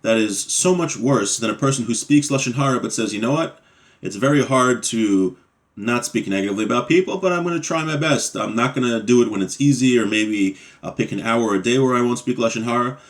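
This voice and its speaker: In a mid-range voice and at a slightly fast pace, a man leads a class on a religious text; he reads sections aloud, then explains them simply, with a few ums and restarts.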